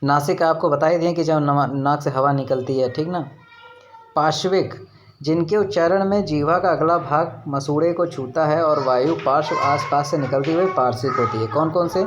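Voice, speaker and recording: A male teacher giving an online exam-prep lesson on grammar. He explains slowly, sounds out syllables to demonstrate them, and keeps checking in with "right?". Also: a little high, lo-fi sound, a little hiss or hum. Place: rented room with children shouting nearby.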